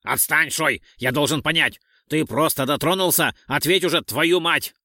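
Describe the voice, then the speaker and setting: A male audiobook reader voicing a hot-headed, foul-mouthed comrade who shouts his demands, recorded in a dry booth. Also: medium pitch, lively intonation, fairly quick, creaky, husky, no echo, heavily acted. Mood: furious. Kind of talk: audiobook character reading.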